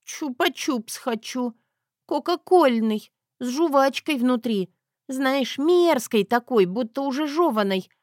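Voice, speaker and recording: A woman's voice: high voice, animated, dry recording, clean studio sound, voice pushed up. A woman voicing a sassy, defiant young wife who keeps snapping back, in an audiobook. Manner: sassy, quick to snap back.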